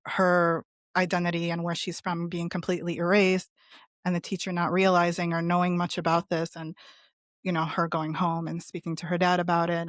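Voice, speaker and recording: A woman from a Palestinian family, a guest panelist on a podcast, speaks earnestly in a casual discussion full of restarts and fillers. Her voice is fairly low-pitched, captured in clean studio sound without room echo.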